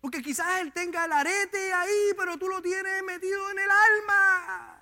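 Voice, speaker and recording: Male pastor with a very high, sharp voice, impassioned sermon in a church. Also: steady tone, moderate pace. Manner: impassioned preaching, addressing the congregation directly.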